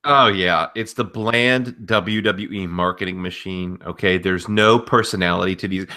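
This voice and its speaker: This is a podcast co-host, a man with a low, steady voice and a sharp tone, speaking at a moderate pace. On a casual wrestling chat show he comes across as exasperated and emphatic, with some mild profanity.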